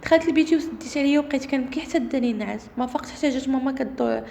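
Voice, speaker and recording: Quick, high-voiced Moroccan woman storyteller. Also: vocal fry, warm tone, a little hiss or hum. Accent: Moroccan Arabic. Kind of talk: first-person horror storytelling.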